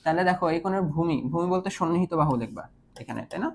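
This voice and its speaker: A woman's voice: fairly low pitch, animated, racing, darkish tone, a little hiss or hum. A woman teaching an online math lesson, patiently asking her students whether they follow and mixing English math terms into her speech. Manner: patient, keeps checking understanding with questions.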